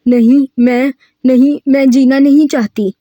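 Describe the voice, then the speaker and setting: A woman's voice: sits high, steady tone, unhurried, warm tone, dry recording, clean studio sound. A woman voicing a tearful young woman who pleads to be let go, in a novel reading. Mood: pleading.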